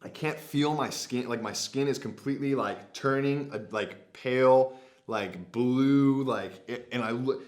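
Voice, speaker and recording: Animated young man telling a story. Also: medium pitch, a little slow. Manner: animated, many "like" fillers, acts out his own past lines. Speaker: adventure vlogger. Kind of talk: casual storytelling to camera.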